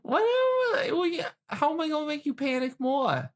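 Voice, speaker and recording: A woman with a high, sing-song voice speaks at normal speed while improvising as a tabletop RPG player. Her casual in-character banter is flippant, full of slang, and hesitant.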